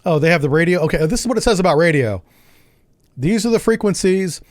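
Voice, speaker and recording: A man streaming a game, chatting casually with his viewers, joking, laughing often and thinking out loud. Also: high-pitched, lively intonation, quick pace, no room sound, clean studio sound. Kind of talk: casual live gameplay commentary.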